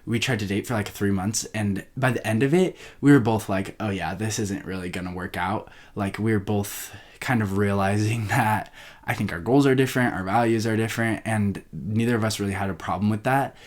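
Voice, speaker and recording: A man's voice: fairly low pitch, a little fast. A young man hosting a solo podcast, rambling casually and interrupting himself as he chats. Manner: rambling, self-interrupting, chatty. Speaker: podcast host.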